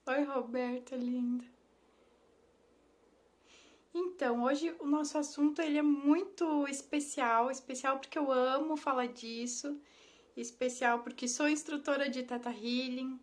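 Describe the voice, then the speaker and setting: A woman's voice: high voice, steady tone, measured pace. A woman, hosting a casual live stream and greeting viewers by name in an affectionate way. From Brazil. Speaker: Instagram live host, ThetaHealing instructor. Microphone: phone or laptop mic on a live stream.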